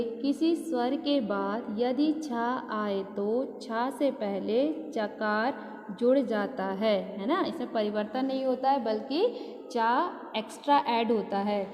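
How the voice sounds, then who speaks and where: A woman's voice: on the high side, warm tone. A woman teacher giving a grammar lesson, asking questions and answering them herself, stretching out syllables as she spells words. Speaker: school teacher. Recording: echoey room with long reverb, faint noise.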